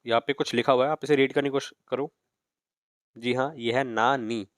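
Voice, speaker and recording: A man's voice: medium pitch, steady tone, moderate pace, no room sound, studio quality. A man teaching a beginners' language lesson in a patient, explanatory way, often checking in with "okay". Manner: patient, repeats "ठीक है" and "okay" often. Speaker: Japanese teacher. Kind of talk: classroom lesson in Hindi mixed with English.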